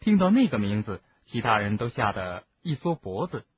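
A man narrates an audiobook in a low, husky voice. The sound is thin and phone-like, with little low end. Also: very animated, moderate pace, dry recording.

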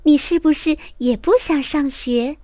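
A woman voicing a small schoolchild in a storybook, speaking quickly in a bright, childlike way. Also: sits high, dry recording, studio quality. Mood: earnest.

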